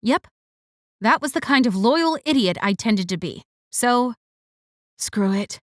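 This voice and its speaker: A woman reads a first-person romance audiobook in a fairly high voice. Her delivery is expressive and wry. The recording is close and dry. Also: a little slow, no echo. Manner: expressive, wry inner monologue. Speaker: audiobook narrator.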